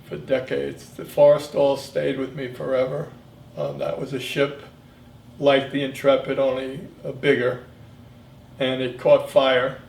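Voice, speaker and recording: A man in his seventies, a military veteran, reminiscing in an interview in a halting, reflective way. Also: medium pitch, little pitch movement, vocal fry, darkish tone. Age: 70s. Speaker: Vietnam veteran being interviewed. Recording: echoey room, distant mic, faint noise.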